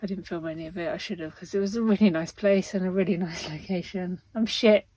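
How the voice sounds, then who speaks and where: A woman in her thirties chatting casually to a handheld phone camera inside a small camper van at night, self-mocking and quick to laugh. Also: on the low side, steady tone, dark tone, dry recording. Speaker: vlogger. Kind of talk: casual vlog chat. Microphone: handheld phone camera at arm's length.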